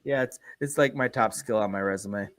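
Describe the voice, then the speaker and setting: A man's voice: fairly low pitch, brisk, fairly bright tone. A man on a live comedy podcast panel, sarcastic and crude, mocking himself and others. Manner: sarcastic, crude, self-deprecating. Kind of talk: casual live stream chat.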